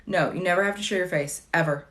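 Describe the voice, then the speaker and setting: Woman, late 30s, livestream host; casual, joking, rambling delivery, lowish pitch. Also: quick pace, a bit bright. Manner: chatty, wry and digressive, with dry jokes. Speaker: livestream host answering viewer questions.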